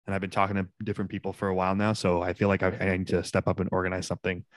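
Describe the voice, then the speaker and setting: Young man, lowish pitch, dry recording, podcast co-host, casual chat, informal, rambling. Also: monotone, very fast, dry recording. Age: young adult.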